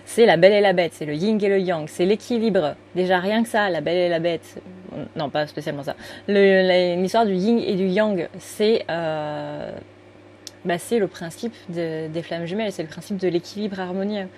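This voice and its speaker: Chatty tarot-reading woman, lower voice, rambling and self-correcting; faint hiss behind. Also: moderate pace, darkish tone. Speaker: tarot card reader. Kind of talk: casual spoken tarot reading.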